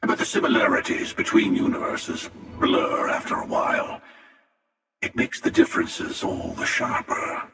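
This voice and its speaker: Echo-drenched, gravelly hunter villain. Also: male voice, low-pitched, bright, forceful tone, exaggerated voice. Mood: cynical musing. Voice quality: gravelly, breathy rasp. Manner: slow, sardonic, world-weary drawl. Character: cynical, menacing older multiverse-hopping hunter villain. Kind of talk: video game voice acting. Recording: long echoing reverb, distant from mic.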